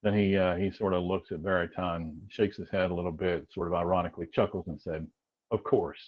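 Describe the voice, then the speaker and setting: With a low voice and level tone, this player talks fast yet hesitantly during a streamed tabletop game, choosing formal phrasing and leaning on many fillers. The sound quality is dull and lo-fi.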